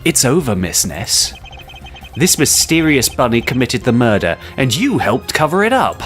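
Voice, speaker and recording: A man's voice: medium pitch, big pitch swings, fairly bright tone, soft background music. Phoenix Wright, a man voicing a confident lawyer. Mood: assertive. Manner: deliberate, emphatic courtroom delivery. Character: confident young male defense lawyer.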